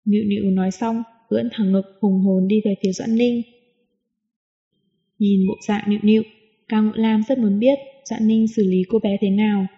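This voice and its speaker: Female audiobook narrator, even and smooth; dull lo-fi sound with long reverb. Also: mid-range voice, normal speed. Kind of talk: scripted narration.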